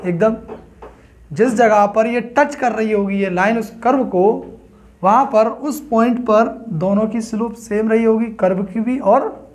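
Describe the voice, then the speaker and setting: Male math tutor, fairly high voice, step-by-step classroom explaining. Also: a little slow. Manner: explains step by step, asks students questions. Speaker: math teacher.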